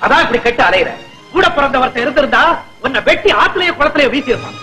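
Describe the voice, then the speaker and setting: A contemptuous, lecturing older brother in an old Tamil film, his voice bright and hard as he sermonizes quickly. Faint music plays under the scene. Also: very high voice, animated, exaggerated voice, rough recording. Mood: scornful. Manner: lecturing, scornful. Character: stern moralizing elder brother, harsh and contemptuous. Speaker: film actor. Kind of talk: 1970s Tamil film acting.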